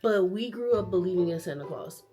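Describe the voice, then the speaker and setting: Woman, casual vlog storytelling, animated, lowish pitch, faint background music. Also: a little fast. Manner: animated, acts out family members in quotes. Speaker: vlogger.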